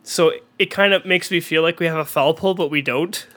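A young man with a cold, sounding congested and clearing his throat, hosting an excitable amateur commentary on a baseball video game. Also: fairly high pitch, fairly quick. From Minnesota. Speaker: host and play-by-play announcer.

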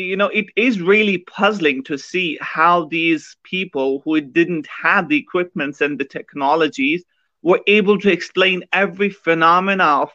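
Bright-voiced man with a Kashmiri accent. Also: fairly high pitch, no room sound, muffled recording. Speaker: podcast guest. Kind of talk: explanatory interview talk.

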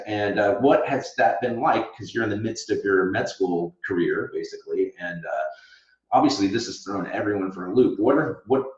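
A man's voice: on the low side, roomy sound. A man hosting a podcast interview over a video call, chatty and stop-start, his voice tinny from the wrong microphone. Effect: tinny sound from the wrong microphone. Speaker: podcast host.

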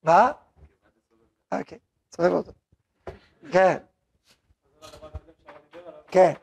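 Man, Israeli accent, gravelly, husky, rabbi giving a class, acts out dialogues. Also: sits high, darkish tone. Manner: acts out both sides of dialogues, talks to the room. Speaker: yeshiva rabbi teaching a class. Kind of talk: informal Torah lesson to students.

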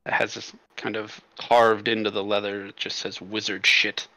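A man playing a tabletop game, describing his character slowly with crude jokes. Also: fairly low pitch, flat delivery, sharp tone, dry recording, low-quality recording. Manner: slow, joking, crude. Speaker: player.

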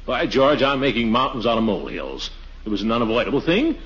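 An actor playing a pompous, anxious middle-aged uncle in a blustering, theatrical 1940s radio comedy style. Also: male voice, mid-range voice, big pitch swings, fast talker, fairly bright tone. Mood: excitable. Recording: dull, noisy 1940s radio recording.

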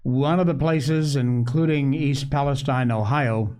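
A man hosting an opinionated news commentary show, speaking emphatically with dramatic pauses straight to his listeners. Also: medium pitch, a little mellow, clean tone. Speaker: show host.

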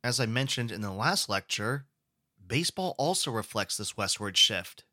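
Brief: a male lecturer who explains and poses questions, with a bright tone and a dry, close recording. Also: lowish voice, lively intonation, moderate pace, no echo. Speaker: history lecturer.

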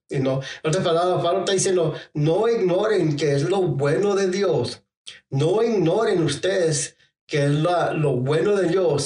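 Halting preacher in an echoey room. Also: male voice, fairly high pitch, a little mellow, recorded from a distance. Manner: halting, repeats "y no" filler, mixes in English phrases. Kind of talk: sermon.

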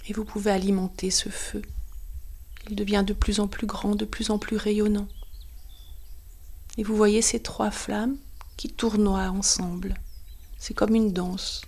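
A woman guides a meditation in a soothing, hushed, breathy voice that often nears a whisper. She speaks in short phrases separated by pauses. Her pitch sits in the middle and barely moves.

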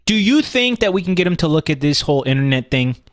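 A man's voice: fairly high pitch, very animated, quick pace. A man co-hosting a podcast in casual chat, with dry, sarcastic humor. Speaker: podcast co-host.

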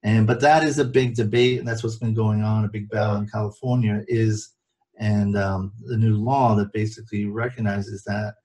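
A man on a casual panel discussion, explaining legal issues in a halting way, with many fillers and restarts. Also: lowish voice, fairly even intonation, dark tone, rough recording. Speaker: lawyer guest.

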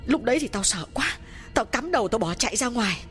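A man voicing a frightened middle-aged village mistress who speaks in a shaky, hushed way to her servant. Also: sits high, very animated, normal speed, faint music behind, pitched above the performer's own voice. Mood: terrified.

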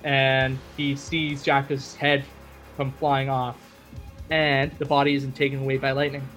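A man's voice: mid-range voice, flat delivery, unhurried, fairly bright tone, faint music behind. A man hosting a podcast and recapping a story in a casual, chatty way with many fillers. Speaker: podcast host.

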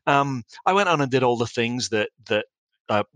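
A middle-aged Scottish man, a business founder, talks through his life story in an interview. He is wry and anecdotal and often restarts his sentences. His voice sits at an ordinary pitch and the sound is dry and close. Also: lively intonation, moderate pace, a bit bright, no echo, low-quality recording. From Scotland.

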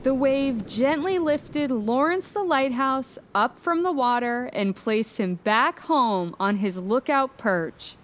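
A woman narrating a children's story in an expressive, animated way. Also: high-pitched, slow, few pauses, slight background noise.

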